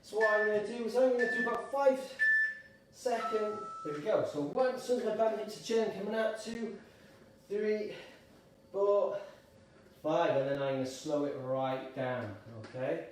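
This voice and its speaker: A Welsh man leading a live gentle exercise class, chatty and encouraging, slightly out of breath as he works out. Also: high-pitched, normal speed, slight background noise. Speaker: exercise instructor. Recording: echoey room, mic at a distance.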